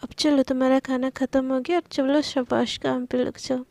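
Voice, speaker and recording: A woman's voice: high-pitched, little pitch movement, moderate pace, creaky, heavy background noise. A woman voicing a playful, bossy young woman boss who coaxes and orders in a storybook tale. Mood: coaxing. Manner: coaxing, bossy.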